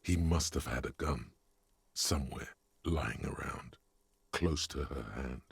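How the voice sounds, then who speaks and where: A cavernously deep inner voice. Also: male voice, measured pace, vocal fry, husky, exaggerated voice. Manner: authoritative, insistent narration. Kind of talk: video game narration.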